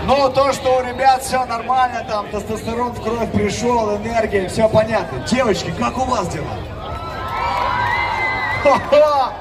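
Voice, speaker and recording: Male fight announcer, boxing-style showman hosting, distant open-air stage sound, clearly audible crowd around. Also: extremely high pitch, a little slow. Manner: showman-like, rousing, projecting to the crowd. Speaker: ring announcer at a mixed martial arts event. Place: outdoor city square, heard over stage speakers. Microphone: recorded from far back in the crowd. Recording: distant PA outdoors, loud music and crowd.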